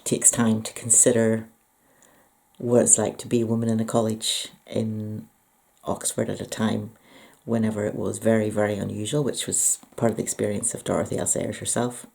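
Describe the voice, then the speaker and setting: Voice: medium pitch, level tone, moderate pace, creaky, warm tone. A speaker with a Northern Irish accent talking casually to viewers about books in a reflective, enthusiastic way. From Northern Ireland. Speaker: book and poetry vlogger. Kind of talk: casual book review talk to viewers.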